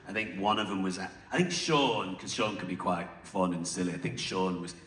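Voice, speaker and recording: A man's voice: low voice, a little fast, fairly bright tone, distant mic. A man telling anecdotes on a convention panel, chatty and laughing often. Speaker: panel guest. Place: large convention hall. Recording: echoey hall with noise.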